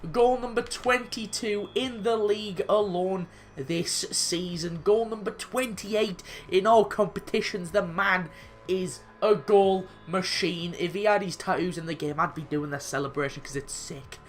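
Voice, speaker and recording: Excitable swearing man commentating his own game. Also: high-pitched, unhurried, slight background noise. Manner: excitable, swears, bursts into shouts at goals. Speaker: gaming YouTuber. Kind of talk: live football game commentary.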